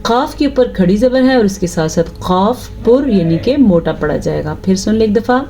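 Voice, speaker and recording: A woman teaching tajweed, explaining each rule patiently and checking her students follow, then reciting verses slowly in a drawn-out chant. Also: medium pitch, lively intonation, warm tone, soft background music. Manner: explains rules patiently, asks "ٹھیک ہے؟" after each point.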